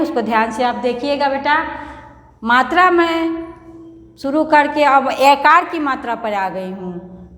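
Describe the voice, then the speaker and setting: High-voiced woman teacher in an echoey room. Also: a bit bright. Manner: patient, repeats words and spells them out slowly; calls the pupils "beta" affectionately. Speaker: primary school teacher. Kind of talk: recorded online lesson for young children. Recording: echoey room, long reverb.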